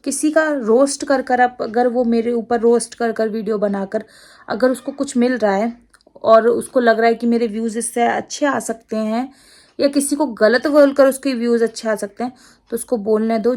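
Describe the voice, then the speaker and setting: A woman with an Agra-region Hindi accent talks to her camera in a loose, rambling vlog. Her voice sits somewhat high, and she drifts from point to point, laughing easily. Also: steady tone, normal speed, darkish tone. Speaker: vlogger. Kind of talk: casual chat to camera.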